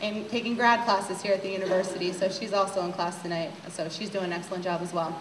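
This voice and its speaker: A woman's voice: medium pitch, fairly even intonation, fast. A woman basketball coach giving an upbeat address to fans, speaking directly to the crowd. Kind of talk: address to fans at a team event. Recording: echoey hall from far off, faint hiss.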